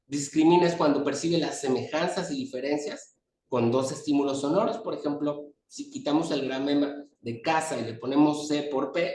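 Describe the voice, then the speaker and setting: Male conference lecturer, slightly high voice, echoey hall, mic set back from him. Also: darkish tone. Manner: explanatory, pointing at slides. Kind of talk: medical lecture. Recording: echoey hall, distant mic, faint noise.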